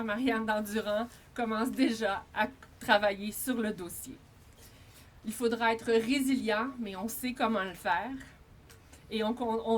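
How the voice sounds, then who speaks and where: A woman's voice: a little high, a little hiss or hum. A woman politician with a Québécois French accent reading a formal prepared statement, switching between French and English. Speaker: outgoing local politician.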